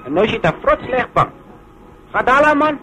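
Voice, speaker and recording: A man's voice: very high-pitched, big pitch swings, normal speed, sharp tone, full character voice, low-quality recording. An actor playing a jovial farmer who teases and coaxes his shy friend, in a 1950s film. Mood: coaxing.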